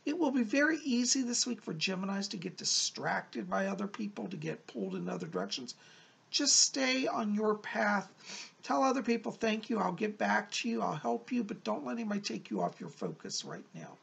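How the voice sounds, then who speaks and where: Middle-aged male psychic for mystical horoscope readings: very husky, heavy fry, encouraging, informal. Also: high-pitched, huge pitch swings, normal speed, a bit bright. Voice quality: raspy, creaky. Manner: encouraging, advising the listener directly. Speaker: psychic medium presenting horoscopes. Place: small room at home, indoors.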